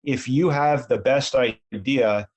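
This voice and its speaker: A man's voice: medium pitch, takes it slowly. A middle-aged man answering interview questions earnestly, rambling and self-deprecating, with frequent restarts. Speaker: sports league commissioner.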